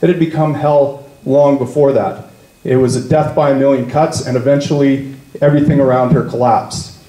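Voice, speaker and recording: Man, party leader, speech to members, storytelling, slows on key words, roomy echo, mellow tone. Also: medium pitch, steady tone. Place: meeting room. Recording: echoey meeting room.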